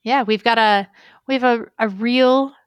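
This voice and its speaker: A woman's voice: on the high side, steady tone, measured pace, clean tone, no echo. A young woman co-hosting a gaming podcast in casual, rambling, enthusiastic chat. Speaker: podcast co-host.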